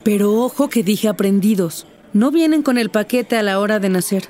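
A woman's voice: mid-range voice, moderate pace, darkish tone, a little hiss or hum. A woman with a Mexican accent, talking earnestly and explaining in a scripted dialogue. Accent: Mexican Spanish. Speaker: character Patty in a teaching dialogue.

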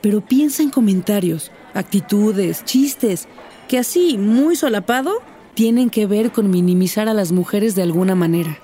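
Mexican lady explaining stuff, earnest, soft warm voice. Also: medium pitch, moderate pace. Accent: Mexican Spanish. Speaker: character Patty in a teaching dialogue. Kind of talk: scripted dialogue scene.

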